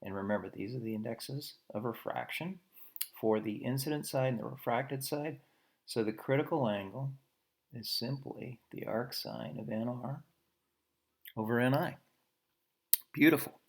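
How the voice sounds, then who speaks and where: Male physics teacher, mid-pitched, gravelly, chatty lecturing with frequent "okay"s and quick self-corrections. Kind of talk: recorded physics lecture while drawing diagrams.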